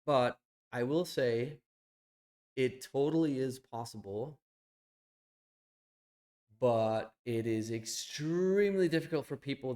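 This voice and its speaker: A young man talks casually on a live stream, blunt and a little profane. He thinks out loud as he clicks around, with an ordinary mid-range voice. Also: medium pitch.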